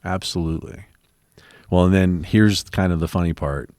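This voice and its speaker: A man's voice: deep voice, steady tone, normal speed, a little mellow, no room sound, clean studio sound. A man telling his personal story in an interview, rambling with many ums and acting out the conversations he quotes.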